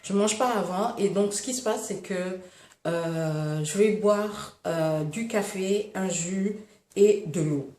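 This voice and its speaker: A woman from Senegal chatting casually through her morning routine in a lifestyle vlog, relaxed and talkative. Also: mid-range voice, slow pace. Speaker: lifestyle vlogger. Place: room at home. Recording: echoey room, faint noise.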